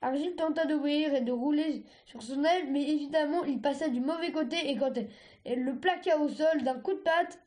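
High voiced woman reading a kids story out loud, kinda stumbly, restarts words. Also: a little fast. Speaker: reader.

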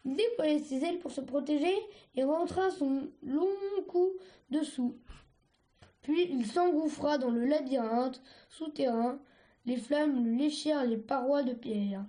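A woman reads a storybook aloud, stumbling and restarting her words as she goes. Her voice is notably high. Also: warm tone. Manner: halting, stumbling reading with restarts. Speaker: reader.

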